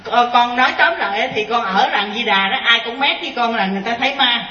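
A Buddhist nun telling a story to her master, chatty and halting, often laughing as she speaks. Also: fairly high pitch, sharp tone. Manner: chatty, hesitant restarts, laughs as she tells it. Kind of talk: storytelling in a question-and-answer session. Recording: roomy, dull sound from far off.

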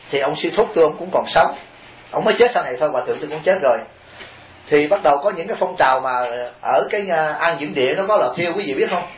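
A man, a Buddhist monk, telling stories in a lively sermon and asking his listeners questions directly. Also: fairly high pitch. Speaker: Buddhist monk giving a dharma talk. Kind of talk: storytelling sermon. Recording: roomy, dull lo-fi recording with faint hiss.

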